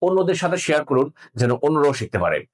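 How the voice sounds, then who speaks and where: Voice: medium pitch, big pitch swings, fast. A teacher running a pronunciation drill, stretching out each word and repeating it for listeners to echo, with instructive asides to children and older learners.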